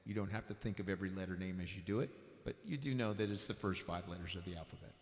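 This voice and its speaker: A man teaching piano and singing in a relaxed, casual way, his voice drenched in added hall reverb. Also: low voice, quick pace. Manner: relaxed, demonstrates while explaining. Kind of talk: casual spoken lesson at the piano. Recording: big echoey hall reverb with loud piano.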